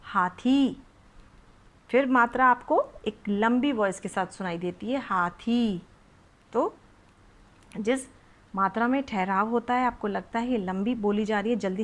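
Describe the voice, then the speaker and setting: A woman teaching young children the short and long vowel signs, sounding out syllables slowly and often checking if they follow. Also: fairly high pitch. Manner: patient, drawn-out sounding of syllables, frequent "ठीक है?" checks. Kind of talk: children's Hindi phonics lesson.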